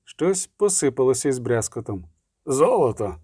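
A man giving a steady, expressive scripted narration of a fantasy audiobook. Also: a little high, a little fast, no room sound, studio quality.

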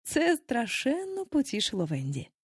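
A woman narrating an audiobook in an expressive, lively storytelling manner. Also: fairly high pitch, moderate pace, husky, no room sound, studio quality.

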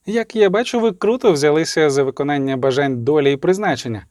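A man reading the part of a sharp-tongued young sorceress in an audiobook, with ironic, sarcastic delivery. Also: a little high, expressive, quick pace, no echo, studio quality, natural voice.

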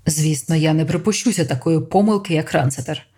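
A man's voice: a little high, a little fast, warm tone, breathy edge. An audiobook reader voicing an ambitious young man who is earnest and plans aloud. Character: ambitious young man, hopeful yet doubting.

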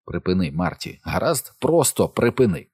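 A man's voice: low voice, very animated, normal speed, a little mellow, breathy edge, no room sound, exaggerated voice. Casting: a man playing a wheezy, nervous husband insisting he must go, dry close sound. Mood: strained. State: wheezing from asthma. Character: anxious asthmatic husband leaving home.

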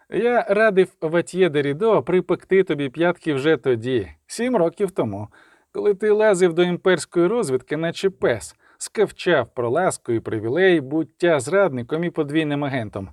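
A man voicing a cold, sardonic middle-aged male coroner who speaks in a measured, menacing way. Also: on the high side, darkish tone, dry recording, studio quality, natural voice.

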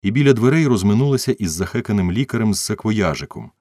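A man narrating a novel as an audiobook reader, in an expressive storytelling manner. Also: lowish voice, fast, no room sound, clean studio sound.

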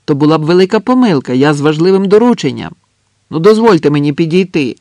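Give me a desperate young partisan shouting his pleas, as a male narrator acts him out, in a dry close recording. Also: a little high, sing-song, measured pace, dry recording. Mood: pleading shouts. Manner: shouting, pleading.

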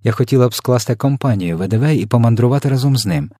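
A calm, well-mannered little girl from a storybook, as a male reader voices her. She speaks plainly and politely, explaining things to the grown-ups. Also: medium pitch, fast talker, no echo, clean studio sound, lightly acted. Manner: polite, matter-of-fact. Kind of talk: storybook character voice.

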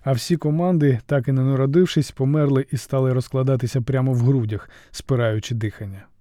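Man narrating an audiobook, steady and wry, warm dark voice, dry close sound. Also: mid-range voice, a little fast, dry recording. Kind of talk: scripted narration.

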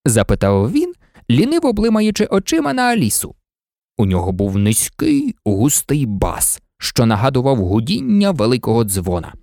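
Animated male storybook narrator, gravelly. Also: medium pitch, normal speed, no echo, studio quality. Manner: animated, swooping up and down. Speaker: storybook reader.

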